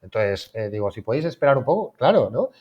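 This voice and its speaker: A man's voice: medium pitch, quick pace. A man hosting a casual interview and telling a story, acting out both sides of the conversation. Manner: animated storyteller, acts out both sides of dialogue. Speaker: podcast host. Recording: dull lo-fi sound.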